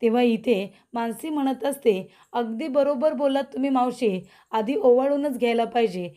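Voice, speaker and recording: Female recap narrator, mellow voice, slightly high, reads all the parts herself. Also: moderate pace. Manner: reads all the characters' lines in her own voice, addressing viewers. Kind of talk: scripted narration retelling a TV serial episode.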